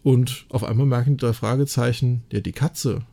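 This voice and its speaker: As a podcast co-host, a man casually recaps and discusses a story, chatty and enthusiastic, often tacking on little tag questions to seek agreement. His mid-range voice is steady, creaky, and dark, at a normal speed.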